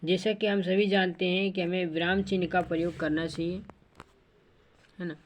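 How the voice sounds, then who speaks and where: A woman teacher explaining grammar in a lesson. She keeps asking the class for a nod and drops in fillers, and she slows right down to read example sentences. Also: on the low side, flat delivery, slight background noise. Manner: repetitive, checks in with "है ना" and filler "जो है"; reads example sentences slowly and deliberately.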